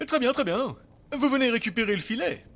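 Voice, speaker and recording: A man voicing an eccentric, fussy elf mad scientist in a fantasy audio story, excitable and exclamatory. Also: very high-pitched, fairly quick, pitched above the performer's own voice, exaggerated voice. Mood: excited, eager.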